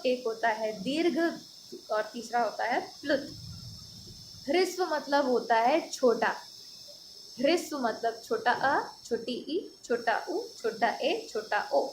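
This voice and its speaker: A woman teaching a school grammar lesson, explaining slowly and stretching out sounds to demonstrate them, often checking in with her students. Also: high voice, a little hiss or hum.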